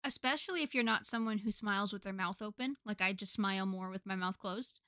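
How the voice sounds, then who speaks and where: A woman's voice: medium pitch, brisk, sharp tone, no room sound. Chatty young woman, dry close sound. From United States. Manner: chatty, laughs often, many fillers. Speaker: podcast co-host. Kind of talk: casual chat.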